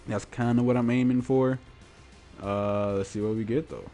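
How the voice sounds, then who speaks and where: A man's voice: medium pitch, steady tone, moderate pace, warm tone. A man hosting his own gaming podcast, talking informally and colloquially in casual solo commentary. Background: music.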